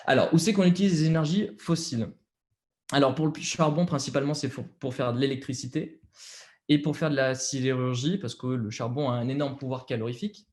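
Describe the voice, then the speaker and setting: A man's voice: medium pitch, a little fast, darkish tone. A young man with a French accent presenting slides over a video call, hesitant, with many fillers and restarts.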